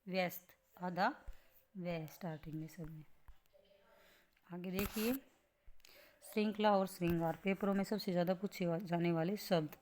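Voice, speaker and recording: A woman teaching a grammar lesson on correct spelling, explaining patiently step by step and asking rhetorical questions as she goes. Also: on the low side. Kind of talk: spelling lesson for exam students.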